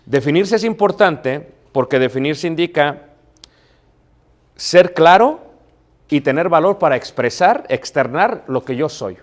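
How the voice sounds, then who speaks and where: A man's voice: a little high, lively intonation, a little slow. A middle-aged man with a Mexican accent preaching a sermon on marriage. He stresses his points, repeats key phrases and asks rhetorical questions. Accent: Mexican Spanish.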